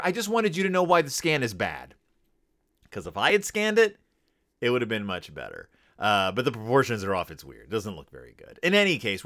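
A man's voice: medium pitch, a bit bright. A man hosting a podcast, chatting casually and comically about a children's book, rambling and correcting himself as he goes. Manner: rambling, digressive, self-correcting. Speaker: podcast host. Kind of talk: casual comedic book review.

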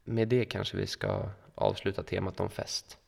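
Gravelly young man telling a rambling story. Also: deep voice, sing-song, darkish tone, in a large hall. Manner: rambling anecdote with many fillers and quoted dialogue. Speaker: podcast co-host. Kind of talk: casual storytelling chat. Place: school room.

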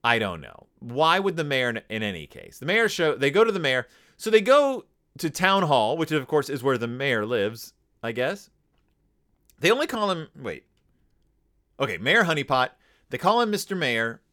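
Rambling, lively-pitched male podcast host. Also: normal speed. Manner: rambling, digressive, self-correcting. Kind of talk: casual comedic book review.

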